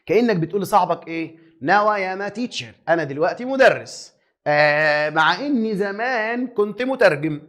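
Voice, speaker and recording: A man with an Egyptian Arabic accent teaching an English grammar review lesson to exam students, lively and teasing, asking questions and answering them himself. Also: high voice, moderate pace.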